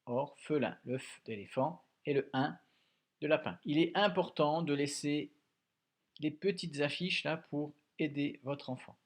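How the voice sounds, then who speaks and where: A man teaching young children a dictation lesson at home, slowly and patiently spelling out syllables and sounds. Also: fairly high pitch. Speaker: primary school teacher.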